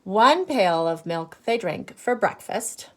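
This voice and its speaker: A woman of medium pitch performs a picture book for a young audience like a classroom teacher. She reads with expression and care, pausing to ask simple questions and offer short asides that explain things.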